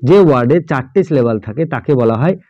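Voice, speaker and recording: A man's voice: medium pitch, animated, fast talker, no room sound, highs cut off. A man teaching an English grammar lesson, sounding words out letter by letter and often checking that students follow. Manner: checks in often with "all right?".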